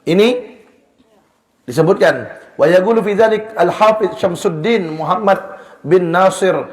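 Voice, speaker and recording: A man teaching an Islamic study sermon in a lively way, booming at some points and dropping to a hush at others. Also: measured pace, roomy sound. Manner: animated, shifts between loud emphasis and hushed low lines. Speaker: religious teacher. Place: Islamic boarding school hall.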